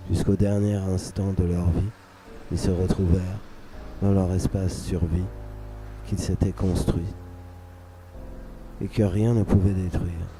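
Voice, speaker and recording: A man reading a scripted dramatic story for radio in a measured, solemn, literary way. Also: low voice, little pitch movement. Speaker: narrator. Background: music under the voice.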